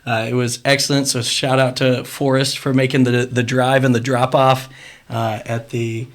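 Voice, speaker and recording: A man's voice: mid-range voice, little pitch movement, normal speed. A man, a priest hosting a casual food-review show, talking in an easygoing, rambling way with many fillers. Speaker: priest and host.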